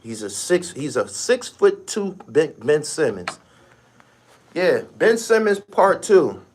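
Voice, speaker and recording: A middle-aged man hosting a basketball podcast, ranting bluntly with lots of swearing and sudden loud, high outbursts. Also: slow pace, slight background noise. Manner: animated, blunt, swears a lot, rising to shouted outbursts. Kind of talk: profane basketball rant.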